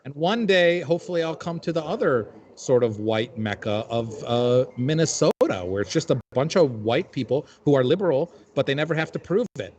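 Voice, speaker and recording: A man's voice: mid-range voice, expressive, normal speed, few pauses, darkish tone. A man in his forties from Jordan, a comedian telling wry, dry stories in casual chat. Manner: dry, wry storytelling with filler-laden asides. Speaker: comedian and panel guest.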